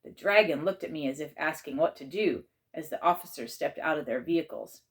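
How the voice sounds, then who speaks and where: A woman with a slightly low voice reads a children's chapter book aloud in the first person, like a teacher reading to her class. Her intonation is lively and her pace a little fast.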